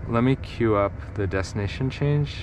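A man's voice: mid-range voice, moderate pace. A young man in casual technical chat, riding in the back of a car at night and laughing easily. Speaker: self-driving car engineer riding along. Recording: road noise inside a car.

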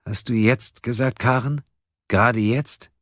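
A man's voice: medium pitch, steady tone, unhurried, a bit bright, no echo, voice pushed up, natural voice. A bound woman detective who holds her fear down behind a pressed, strained voice, as a male reader puts her on. It sounds dry and close. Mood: tense. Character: frightened bound young woman detective, tense.

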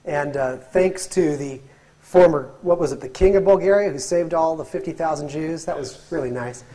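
The speaker is a thirty-something guest lecturer whose warm, fairly high voice keeps a moderate pace. In a classroom with a whiteboard, he delivers a lecture with audience questions, speaking animatedly into a lapel mic with many restarts and fillers.

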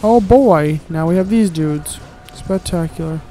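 A man's voice: on the high side, unhurried, mellow, a little hiss or hum, low-quality recording. A man giving casual, grumbling let's-play commentary while he plays, with sarcastic asides and casual swearing.

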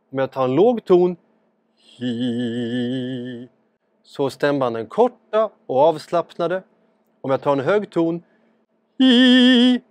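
A man calmly explaining, step by step, while talking with a scope tube passed through his nose into his throat, in a clinic room. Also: medium pitch, no room sound. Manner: calm, step-by-step explaining to viewers. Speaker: presenter demonstrating a laryngoscope. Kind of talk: explanatory demonstration.

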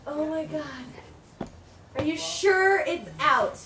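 A young woman chatting excitedly and full of exclamations on a casual home video. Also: high voice, takes it slowly. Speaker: horror show host. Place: small room indoors at night. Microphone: camera mic. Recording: noisy home camcorder recording.

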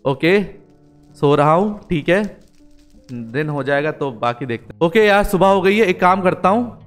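Excitable man narrating a game role-play. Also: a little high, unhurried, faint music behind. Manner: excitable, full of exclamations and fillers. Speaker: gaming channel host.

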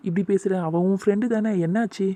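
A woman's voice: medium pitch, fairly quick, no room sound, natural voice. A woman voicing a level-headed teenage schoolboy in a cartoon who scolds his friend. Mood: scolding. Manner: calm, scolding. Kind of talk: cartoon voice acting.

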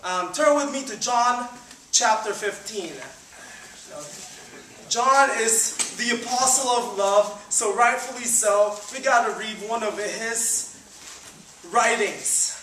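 A Filipino man in his twenties, a student ministry leader, gives a chatty, upbeat informal sermon on a church hall stage, full of fillers. His voice is very high, slow, pushed and bright, with a faint hiss or hum. A far-off camera with no visible mic captures roomy hall sound from a distance.

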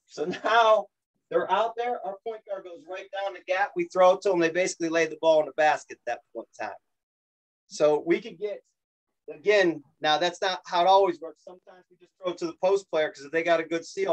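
New York man, coach explaining plays over a video call, slightly high voice, animated and self-mocking. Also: fast, low-quality recording. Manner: animated, repeats words, self-deprecating jokes. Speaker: basketball coach.

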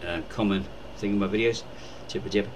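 A man's voice: on the low side, fairly even intonation, fast, slight background noise, rough recording. A man rambling casually in a birthday video, full of fillers, recorded indoors at home. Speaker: uncle making a birthday video.

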